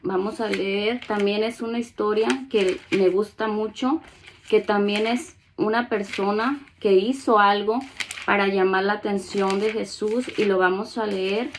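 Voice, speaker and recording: An earnest woman delivers a sermon in a mid-pitched voice, reading scripture aloud. She acts out the pleas of the people in the stories. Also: fairly even intonation, unhurried, slight background noise. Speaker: preacher.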